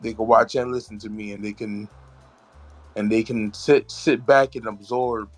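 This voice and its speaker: A man's voice: fairly low pitch, fairly even intonation, moderate pace, no room sound, faint music behind. A man being interviewed about his writing, earnest and often searching for words. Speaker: guest, author and poet. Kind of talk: casual interview chat.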